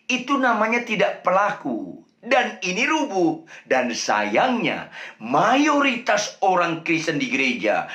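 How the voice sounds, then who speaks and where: A male pastor with an Indonesian accent preaches in a fairly high, bright voice that leaps up and down in pitch. He takes his time, repeating phrases for emphasis, and the sound rings in an echoey church room. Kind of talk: sermon. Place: church sanctuary.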